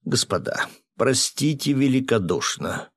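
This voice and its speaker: A smooth, falsely polite foreman from an audiobook sounds a touch higher than the narrator, as a man plays him. He speaks with mock regret, and the recording is dry and close. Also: lively intonation, a little slow, a bit bright, no echo, heavily acted. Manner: overly polite, sly.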